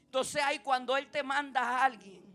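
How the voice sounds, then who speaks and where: Female preacher, high register, impassioned church sermon with music playing underneath. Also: normal speed, fairly bright tone. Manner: impassioned, rising to emphatic peaks then dropping low and intimate; asks the congregation repeated rhetorical questions. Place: church service. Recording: preaching over background music.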